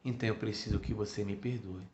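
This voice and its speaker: A man voicing a frail, gravely ill young boy who speaks softly and earnestly in a spiritist talk. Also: fairly low pitch, steady tone, fast talker, a little hiss or hum, lightly acted. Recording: echoey room, muffled sound.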